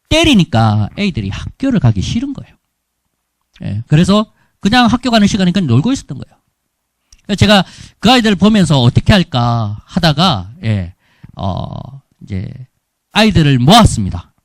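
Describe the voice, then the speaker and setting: Middle-aged guy with a gyeongsang accent telling mission stories at church, bouncy pitch, dry close sound. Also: no room sound. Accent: Gyeongsang Korean. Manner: lively storytelling with humor. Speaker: missionary speaker. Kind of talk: testimony sermon.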